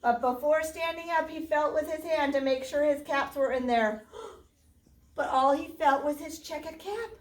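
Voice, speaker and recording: A woman teacher reading a picture book aloud to children in a classroom, animated and stopping to quiz the kids. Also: high voice, normal speed. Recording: roomy classroom from far off.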